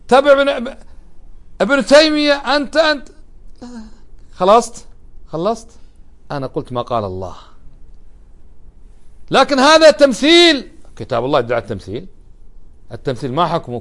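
A middle-aged man gives an animated religious lecture, often putting questions to his listeners and answering them himself. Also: high voice. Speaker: religious teacher. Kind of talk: lecture explaining a religious text.

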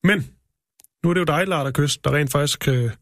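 A male radio host puts halting questions to his guest. His voice sits fairly high. The studio sound is dry and close. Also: no echo. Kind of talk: casual radio discussion.

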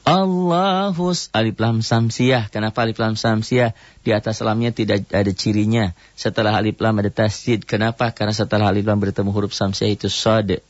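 A man teaching Quran recitation rules on a radio program, explaining each rule in short phrases and now and then chanting a verse slowly at a higher pitch. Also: little pitch movement, no room sound, highs cut off. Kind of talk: radio tajwid lesson.

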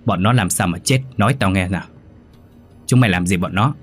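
A man's voice: low-pitched, fairly quick, soft background music, natural voice. A man playing a harsh, bossy old master. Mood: shocked. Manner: barking, bossy orders.

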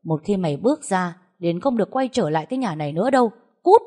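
A woman voicing a stern, domineering older father who scolds and shouts at his daughter. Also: on the low side, lively intonation, fast. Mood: furious.

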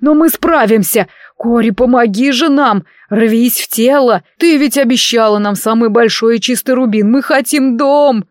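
A woman voicing the excitable ghost of a former male cook, shouting in loud, drawn-out exclamations. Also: fairly high pitch, no room sound, studio quality, lightly acted. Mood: excited shouting.

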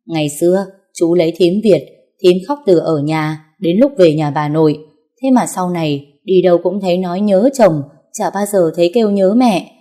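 A woman's voice: lowish voice, moderate pace, dark tone, lightly acted. A woman doing a teasing middle-aged uncle.

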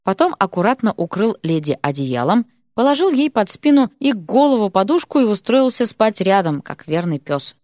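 A woman's voice: mid-range voice, sing-song, moderate pace, hardly any pauses, a little mellow, dry recording. Woman audiobook narrator, playful storytelling, dry and close. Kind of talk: scripted narration.

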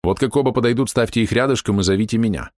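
A man reading an audiobook, voicing a confident young mage who gives brisk instructions. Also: fairly low pitch, a little mellow, no room sound, clean studio sound, voice pushed up, natural voice. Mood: instructive.

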